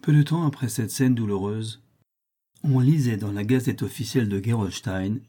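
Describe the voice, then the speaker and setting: A man narrating a classic novel as an audiobook in a measured, solemn manner. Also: on the low side, warm tone, husky.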